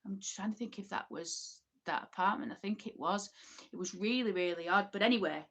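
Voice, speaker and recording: Talking fairly quickly in a medium-pitched, fairly bright voice, the northern English host from Oldham runs a loose livestream chat, reading comments aloud. She's chatty and meandering, with plenty of ums and asides along the way.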